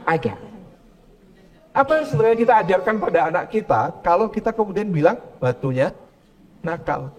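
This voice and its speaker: A male preacher gives a parenting talk to a gathered audience. His voice sits high and swings widely as he moves between teaching and storytelling. He delivers it in an animated way. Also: brisk, long pauses. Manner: animated, acts out quoted parents in higher voices. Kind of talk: parenting lecture. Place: lecture to a live audience.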